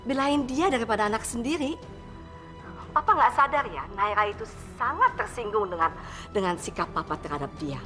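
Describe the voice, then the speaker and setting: A woman's voice: fairly high pitch, expressive, normal speed, pushed and bright. An actress playing a wealthy mother in a panic over her missing daughter, dramatic, dropping English exclamations into her lines. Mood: accusing. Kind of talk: TV drama acting. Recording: faint music underneath.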